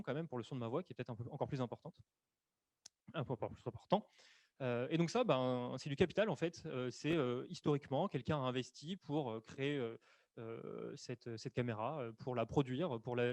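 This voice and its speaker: A man presents economics in a webinar, on camera from a room at home or an office, talking quickly with lots of hesitations and self-corrections. His voice is mid-range and darkish, and the recording from a desk microphone at his computer sounds dry and close.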